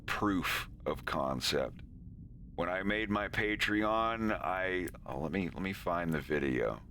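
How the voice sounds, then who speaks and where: A man's voice: low-pitched, a little slow, pushed and bright, slight background noise. An American man from Florida in casual, rambling stream chat. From Florida, United States. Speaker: animator and streamer.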